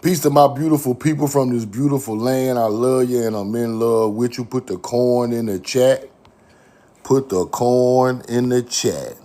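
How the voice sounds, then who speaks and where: Hosting an online video, a young Mississippi man addresses his chat audience casually, emphatically and somewhat preachily, returning again and again to his catchphrases. His medium-pitched voice is mellow and steady, a little slow.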